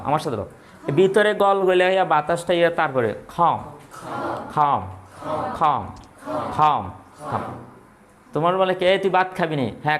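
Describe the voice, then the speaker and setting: A man's voice: on the high side, slight background noise. A man with a teaching English pronunciation, repeating each word and asking questions then answering them himself. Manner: repetitive call-and-response drilling, asks then answers. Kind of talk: classroom pronunciation drill.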